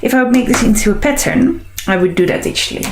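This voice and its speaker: A Dutch woman, an artist and host, chats casually while she sketches, musing and meandering with frequent ums and restarts. Her voice is on the high side and quick, with background noise behind her.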